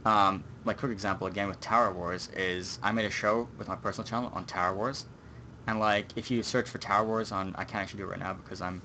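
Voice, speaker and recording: Rambling young man, bright voice. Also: fairly low pitch, fairly even intonation, quick pace, a little hiss or hum. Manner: rambling, many fillers. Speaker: stream host. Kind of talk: casual chat.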